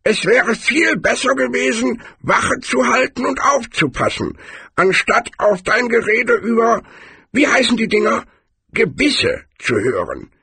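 A man's voice: extremely high pitch, very animated, unhurried, pushed and bright, breathy edge, no echo, voice pushed up, exaggerated voice. A grumbling old barbarian man. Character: old male barbarian, grumbling about age.

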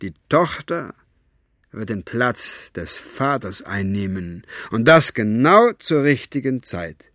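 A man's voice: medium pitch, big pitch swings, slow, fairly bright tone, dry recording. Taunting villain leader, voiced by a man, silky, menacing, audiobook, dry recording. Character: cold mocking male villain leader, adult. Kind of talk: audiobook character voice.

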